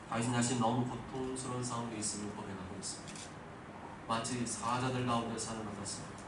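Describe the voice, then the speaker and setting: A male pastor giving an emphatic sermon that rises to loud exhortations, in a church sanctuary. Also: medium pitch. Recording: echoey hall, distant mic, noisy.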